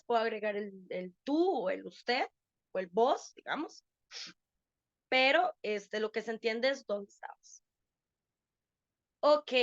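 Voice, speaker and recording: A woman teaches English over a video call, pausing often to check that everyone is following. Her voice sits high and her pace stays slow. The call audio is dull and dry. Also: fairly bright tone, no echo. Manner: patient, explains slowly with repeated checks. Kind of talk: online English class for adults.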